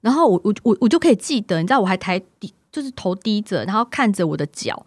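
A woman's voice: mid-range voice, fast talker, no room sound. Lady podcast cohost, storytelling, voice jumps around a lot, dry close mic. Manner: animated storytelling, acts out dialogue, laughs. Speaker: podcast co-host. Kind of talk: casual chat.

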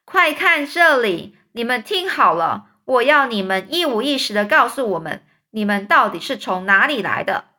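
A woman voicing a loud, alarmed middle-aged police chief in a children's story reading. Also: high voice, expressive, fairly quick, pitched above the performer's own voice. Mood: alarmed shouting. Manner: shouting, alarmed.

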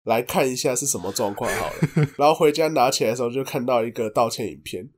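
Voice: medium pitch, fast. A guest on a podcast, tossing in playful jokes and side comments in a casual chat.

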